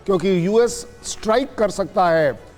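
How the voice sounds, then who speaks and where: A man's voice: sits high, expressive, unhurried, darkish tone, faint music behind. A man commenting as a guest analyst on live news, listing points in short clipped phrases with English terms mixed in.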